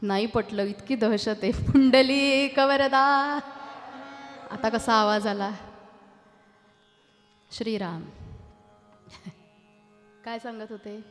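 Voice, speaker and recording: A woman with a Marathi accent performing a devotional kirtan in a temple, a lively talk that breaks into sung verses and teases the audience into answering back. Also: mid-range voice, slow, long pauses. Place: temple hall. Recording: reverberant hall with faint music.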